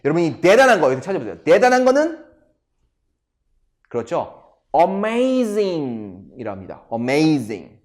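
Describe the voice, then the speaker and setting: A male English teacher gives a grammar lesson, drilling sentences slowly and speaking directly to viewers. His voice is slightly high, with very animated intonation and an unhurried delivery.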